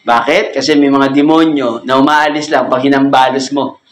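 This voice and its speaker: A man's voice: mid-range voice, fairly even intonation, normal speed. A man leading a cell group Bible lesson as a pastor, speaking conversationally, joking and laughing often and asking the group questions. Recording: echoey room with faint ambient noise.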